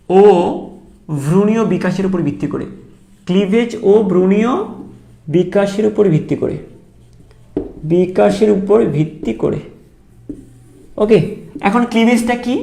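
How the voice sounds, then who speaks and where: A man's voice: high-pitched, vocal fry, a little mellow. A young man teaching a biology exam-prep lecture, repeating key terms and quizzing his students as he goes.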